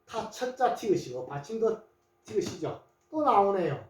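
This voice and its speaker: An English teacher walks through a spoken lesson, going over each point again and again. The voice swings widely in pitch. It sounds roomy and set back from the microphone. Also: big pitch swings, moderate pace. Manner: repeats each point, often starts with "자" and checks in with questions. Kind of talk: spoken lesson writing Korean letters in English. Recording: roomy, voice distant from the mic.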